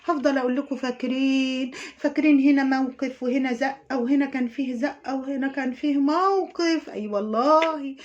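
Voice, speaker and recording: امرأة بلهجة مصرية تعلّق بسخرية وتوبّخ بحدّة في فيديو تعليق. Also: female voice, high voice, steady tone, fairly quick, muffled recording. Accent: Egyptian. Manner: mocking, scolding, indignant. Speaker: YouTube commentator. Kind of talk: sarcastic reaction commentary.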